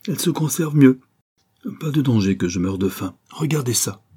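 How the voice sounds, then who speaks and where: A man's voice: mid-range voice, expressive, normal speed, warm tone, breathy edge, pitched above the performer's own voice. A man reading a novel aloud, voicing an eager young sailor who has become a writer. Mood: tender. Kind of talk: audiobook character reading.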